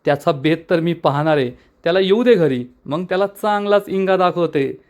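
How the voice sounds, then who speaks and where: A man voicing an angry, middle-aged aunt who scolds and taunts her family in a sharp tone. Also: fairly low pitch, moderate pace, natural voice.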